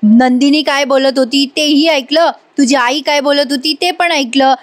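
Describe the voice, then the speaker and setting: A woman voicing an older man, a teasing uncle, speaking slowly and drawing out his warnings. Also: sits high, steady tone, natural voice. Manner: slow, drawn-out, teasing. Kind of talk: voice-over retelling of a TV serial.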